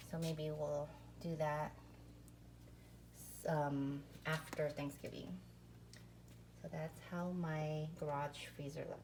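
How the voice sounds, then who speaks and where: A woman's voice: low voice, a bit bright, a little hiss or hum. A woman vlogger casually showing her fridge, pantry and garage freezer, slightly out of breath after a workout and filling her talk with "like" and "um.". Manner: chatty, lots of fillers like "like" and "um". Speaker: family vlogger. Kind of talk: casual home tour narration. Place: home kitchen, pantry and garage.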